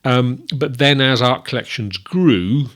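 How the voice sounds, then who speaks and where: A man's voice: medium pitch, measured pace. A man co-hosting a podcast, talking casually and thoughtfully about art, recorded at a dining room table at home. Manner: thoughtful, expressive, a few restarts. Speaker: podcast co-host. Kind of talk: casual chat.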